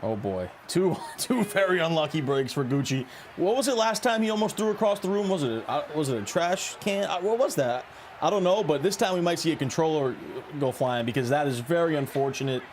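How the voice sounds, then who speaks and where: A man with a slightly higher voice gives live color commentary on a football video game tournament. He picks apart routes and coverages in an analytical way, while a faint hiss sits under the mic. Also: lively intonation, fairly quick. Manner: analytical, breaks down plays.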